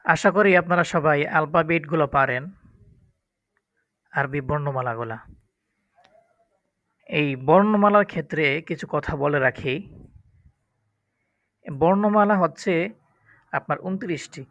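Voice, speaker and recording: A male Quran teacher who talks slowly and patiently, drawing out letter sounds for learners to copy. His voice is bright and a little high. The sound is dry and somewhat dull, like a lo-fi home recording. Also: no room sound. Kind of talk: recorded lesson on Arabic letters.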